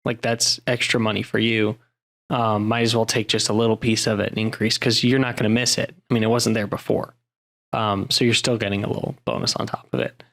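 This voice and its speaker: A man's voice: fairly low pitch, little pitch movement, a little fast, creaky, fairly bright tone. A man co-hosting a podcast, chatting casually and giving encouraging advice with some fillers. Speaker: podcast co-host. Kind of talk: casual chat.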